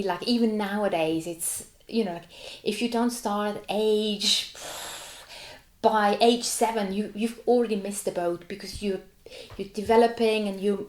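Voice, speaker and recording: In a casual interview, a woman in her forties from Switzerland, a contemporary dancer who grew up speaking German, talks animatedly, laughing and peppering her words with "like." Her medium-pitched voice is a little mellow and reverberant.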